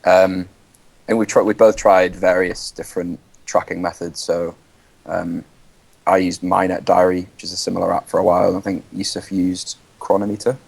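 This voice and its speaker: Deep gravelly man, flat delivery. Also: moderate pace, rough recording. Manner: easygoing, hesitant restarts. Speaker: fitness coach, guest. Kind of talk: casual interview answers.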